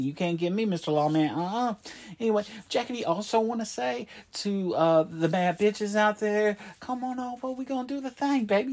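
A man's voice: high voice, a little mellow. A man playing a broke, boastful self-styled ladies' man who talks about himself in the third person. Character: boastful broke male player, crude and vain.

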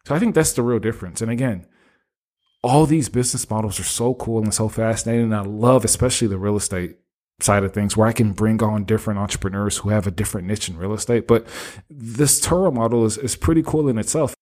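A man's voice: on the low side, fast, a little mellow. A man hosting a podcast, chatting casually and enthusiastically about business models before introducing his guest. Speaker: podcast host.

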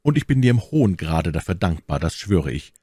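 A man's voice: sits low, sing-song, a little fast, warm tone, slightly rough, no room sound, clean studio sound, exaggerated voice. A man voicing a young, self-assured musketeer who talks persuasively. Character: young scheming male musketeer, smooth-talking.

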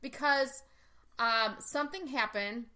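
A woman's voice: sits high, takes it slowly, bright, forceful tone. A woman co-hosting a podcast, telling a personal story candidly in casual chat, acting out quoted dialogue and swearing freely. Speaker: podcast co-host.

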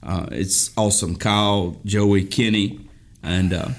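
A man's voice: on the low side, fairly even intonation, unhurried. A man co-hosting a casual podcast, laughing often and humming while he chews. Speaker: podcast co-host. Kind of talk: casual chat.

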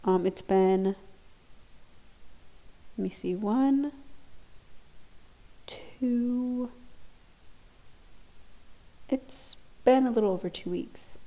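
Young woman doing a solo podcast from her dorm, kinda awkward and unsure, mellow voice with lots of fry. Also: fairly high pitch, extremely slow, pauses often, rough recording. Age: young adult. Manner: awkward, hesitant, self-conscious. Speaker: podcast host. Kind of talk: casual solo podcast update. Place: dorm study lounge. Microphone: laptop recording with earphone mic.

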